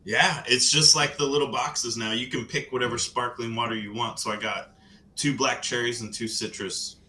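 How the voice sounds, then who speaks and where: A man's voice: mid-range voice, steady tone, moderate pace, sharp tone, slight background noise. A man co-hosting a casual livestream, easygoing and matter-of-fact. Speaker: co-host.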